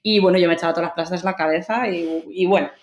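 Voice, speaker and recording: Lively woman telling stories in a roomy space. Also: fairly low pitch, rapid-fire, lo-fi sound. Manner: lively, expressive storytelling with acted-out quotes. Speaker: guest. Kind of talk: casual chat, personal storytelling. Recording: roomy echo.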